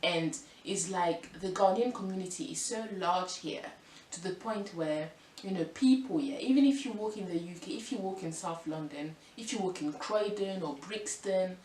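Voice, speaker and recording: A woman's voice: on the low side, normal speed, a little mellow. A woman in her twenties from France, vlogging in a casual, rambling way with lots of fillers and restarts. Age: 20s. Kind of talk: casual chat to camera. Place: room at home by a window. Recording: echoey room, mic at a distance, faint hiss.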